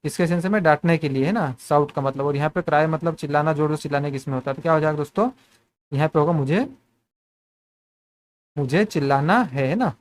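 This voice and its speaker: A man with a fairly high voice teaches spoken English, explaining each sentence in Hindi. He keeps asking what a line will become and calls his viewers friends as he steps through examples. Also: quick pace. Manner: repetitive questioning, addresses viewers as friends.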